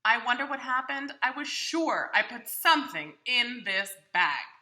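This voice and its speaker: A woman's voice: a little high, expressive, measured pace, pushed and bright, full character voice. A woman voicing a big, friendly, childlike bird from a storybook, earnest, hesitant and easily muddled. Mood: flustered, puzzled. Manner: hesitant, earnest, folksy exclamations.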